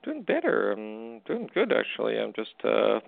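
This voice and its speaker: Gravelly man calling in to a radio show. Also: on the low side, huge pitch swings, moderate pace, no room sound. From Canada. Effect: radio show caller heard over a phone line. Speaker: caller. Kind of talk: casual call-in chat. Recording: tinny phone line, dry.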